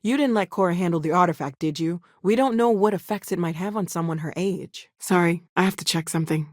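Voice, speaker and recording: An actress plays a curious, earnest woman researcher in a video game. Her voice sits a bit low and is recorded very dry. She speaks naturally and thoughtfully, with wry hesitations. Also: fast talker, darkish tone, dry recording, lightly acted. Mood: concerned. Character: young-sounding woman scientist, earnest, curious, wry explorer. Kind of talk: video game dialogue, conversational acting.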